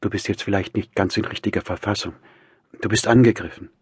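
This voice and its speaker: A man's voice: on the low side, lively intonation, a little fast, husky, no room sound, studio quality, voice pushed up. A man voicing an earnest, proud young sister in an audiobook, speaking urgently. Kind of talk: audiobook character voice.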